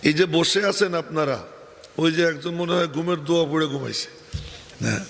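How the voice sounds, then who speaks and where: A man's voice: on the high side, moderate pace, vocal fry, fairly bright tone. An older man, preaching an open-air sermon to a crowd, chatty and teasing with asides. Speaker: preacher at a religious gathering. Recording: long hall echo, faint ambient noise.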